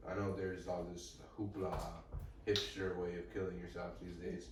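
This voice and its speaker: Deep-voiced young man telling absurd stories. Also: normal speed, very noisy. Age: young adult. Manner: deadpan rambling storyteller, escalating absurd bits. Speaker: podcast co-host. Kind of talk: improvised comedy chat. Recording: echoey room, distant mic.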